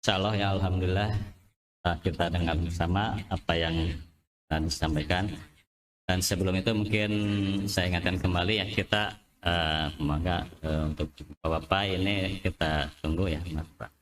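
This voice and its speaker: A man moderating a study event who speaks haltingly, with many pauses, as he opens the question-and-answer session. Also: sits low, steady tone. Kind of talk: hosting a Q&A session.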